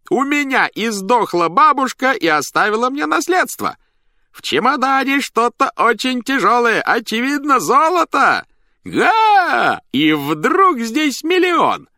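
A squealing, boisterous circus clown hollers his gags in a voice pushed very high above his own, drawn out slowly and loud. The shrill shouting has a clear, sharp edge, and the recording stays close and dry. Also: dry recording, heavily acted. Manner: hollering, drawn-out comic announcing.

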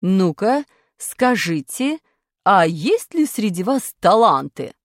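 A woman's voice: mid-range voice, very animated, slow pace, no room sound, studio quality, pitched below the performer's own voice. A woman doing a stern bossy singing teacher. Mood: commanding. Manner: strict, barking orders. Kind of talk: storybook character voice.

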